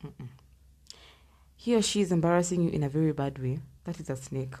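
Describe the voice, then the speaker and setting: A woman hosting a solo self-improvement podcast from her home, talking casually and repeating her points for emphasis, often dropping into a soft half-whisper. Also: deep voice, brisk. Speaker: podcast host.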